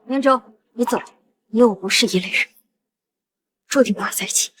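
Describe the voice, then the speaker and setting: A woman's voice: a little high, brisk, a crowd in the background, lightly acted. An actress playing an earnest, self-sacrificing young woman in a fantasy drama, pleading with solemn emotion. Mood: sorrowful resolve. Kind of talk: Chinese fantasy short-drama acting.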